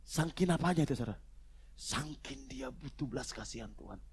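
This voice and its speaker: A man preaching a sermon to his congregation, moving between quiet, low asides and loud, fervent shouting. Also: animated, brisk, breathy edge. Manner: addresses the congregation as "saudara". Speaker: pastor. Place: church service.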